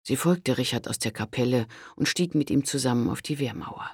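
Calm male audiobook narrator, dry close sound. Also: medium pitch, creaky, slightly rough, dry recording. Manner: calm and measured. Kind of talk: scripted historical audiobook narration.

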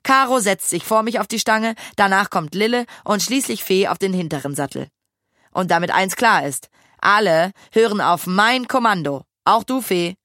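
A woman voicing a bossy young girl who leads her friends and shouts commands, in a storybook reading. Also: medium pitch, animated, moderate pace, no echo, studio quality, natural voice.

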